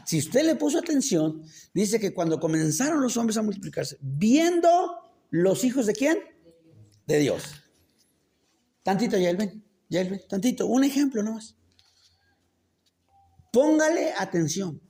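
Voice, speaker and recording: A man's voice: sits high, sing-song, measured pace, long pauses, warm tone. A man preaching a casual sermon. He keeps quizzing the congregation with rhetorical questions and makes joking asides. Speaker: pastor. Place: church.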